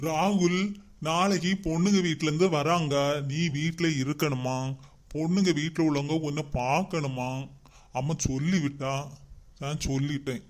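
A man voicing a concerned, gently coaxing father in a cartoon. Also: fairly high pitch, fairly even intonation, moderate pace, close to an everyday voice. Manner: coaxing, questioning.

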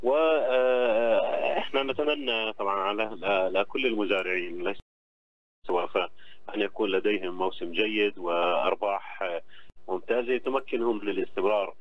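A middle-aged man with a Palestinian accent, speaking as an interview guest over the phone and explaining things in a halting way with repeated words. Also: fairly low pitch. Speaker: phone-in guest, agriculture official. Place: on the phone to a radio studio. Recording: dull phone line with clear hum.

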